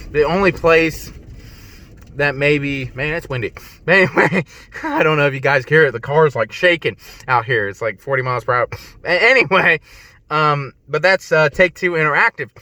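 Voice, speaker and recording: A man's voice: a little high, fairly quick, bright, forceful tone. A man talking casually about stock picks from inside a car, rambling and restarting often while sounding congested. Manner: rambling, frequent restarts and "but anyway". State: congested, clearing throat. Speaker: stock-picking video host. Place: in a car on a windy day.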